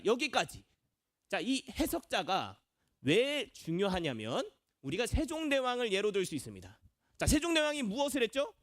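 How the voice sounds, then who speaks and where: A young adult junior pastor preaches a children's sermon in a church classroom, quizzing the kids and acting out voices. His voice sits high and a bit bright, captured in clean studio sound with no room noise.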